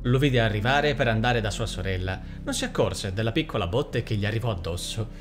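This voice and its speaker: A man reading a fairy-tale audiobook aloud with expressive storytelling. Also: fairly low pitch, brisk, soft background music. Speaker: audiobook narrator. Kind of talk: scripted narration.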